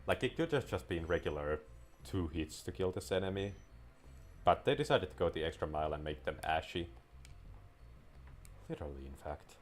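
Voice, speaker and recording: Faint music plays behind a deep-voiced, animated Finnish man who speaks at a moderate pace with frequent pauses. It's casual let's-play commentary on the game in front of him, full of tangents and restarted sentences.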